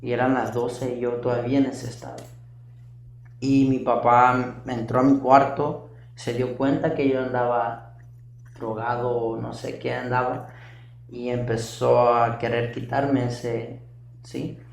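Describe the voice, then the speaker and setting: A young man recounts a personal testimony, earnest and repetitive. His gravelly voice stays flat in tone. He sounds set back from the mic in a roomy, echoing space. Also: mid-range voice, measured pace, slight background noise. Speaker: guest giving testimony. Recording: distant echoey room mic.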